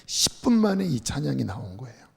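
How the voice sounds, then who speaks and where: A man preaching a sermon as pastor, lively and earnest, sometimes dropping to a whisper. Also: mid-range voice, a little fast, vocal fry, breathy edge. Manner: animated preaching, drops to soft whispers for prayers. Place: church sanctuary.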